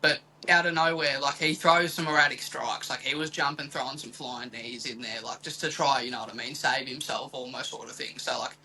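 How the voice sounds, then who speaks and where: A man's voice: medium pitch, steady tone, brisk, few pauses, sharp tone, rough recording. A young man with an Australian accent chatting casually about sport in a slangy, loosely rambling way. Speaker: fight prediction podcast co-host.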